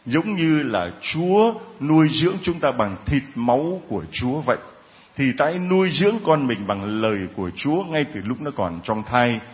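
A man's voice: medium pitch, lively intonation, normal speed, highs cut off. A male priest preaching to his congregation in a jovial, teasing way, calling on people in the pews. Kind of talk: sermon.

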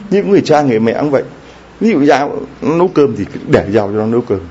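Speaking fast with big swings in pitch, this warm, mid-range priest delivers a chatty sermon packed with rhetorical questions to the crowd. The lo-fi recording sounds slightly dull and carries faint background noise.

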